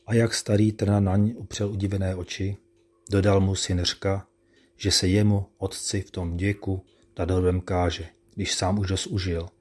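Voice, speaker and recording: A man narrating a classic tale in a measured, solemn manner. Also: low voice, little pitch movement, darkish tone.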